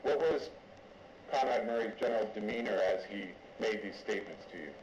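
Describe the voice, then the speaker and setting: A man questioning a witness as a lawyer in court, deliberate and halting, going step by step. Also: fairly low pitch. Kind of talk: formal courtroom examination. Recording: echoey, dull courtroom audio with noise.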